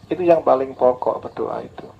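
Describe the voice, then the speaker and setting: A man's voice: mid-range voice, a little fast, creaky. A man preaching a sermon, earnest and repetitive, acting out tearful prayers now and then. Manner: earnest, repeats key phrases, acts out tearful prayers. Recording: dull lo-fi recording with faint hiss.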